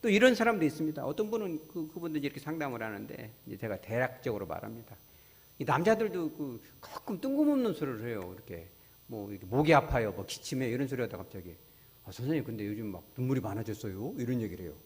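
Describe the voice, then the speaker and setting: A male pastor delivers a Sunday sermon, his voice rising and falling with lively swings in pitch. He tells stories and acts out the back-and-forth of conversations. The sound carries a long echo from a church sanctuary. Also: fast. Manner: storytelling with acted-out dialogue, lively and conversational. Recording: church hall with long reverb.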